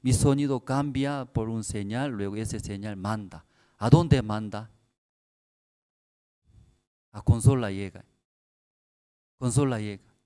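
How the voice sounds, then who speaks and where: Slow, soft-spoken pastor with low voice. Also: male voice, clear, resonant tone. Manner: simple broken Spanish with many tag questions; speaks softly and slowly to the congregation. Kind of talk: sermon at a prayer service.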